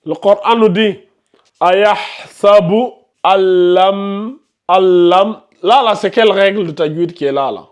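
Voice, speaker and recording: Brief: high-pitched male teacher in a classroom, quizzes students, repeats terms. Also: lively intonation, fairly quick, few pauses. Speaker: Quran recitation teacher. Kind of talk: live classroom tajwid lesson.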